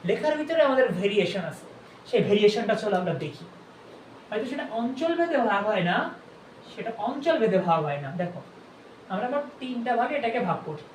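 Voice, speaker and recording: Female teacher, high voice, asks questions and answers them herself, mic set back in an echoey room. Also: animated, a little fast, distant mic, a little hiss or hum. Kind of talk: exam-prep Bangla grammar lesson.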